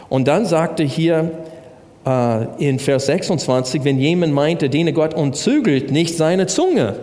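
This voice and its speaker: A man's voice: mid-range voice, a little mellow. A man preaching a sermon, working through Bible verses and asking the congregation rhetorical questions. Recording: long hall reverb.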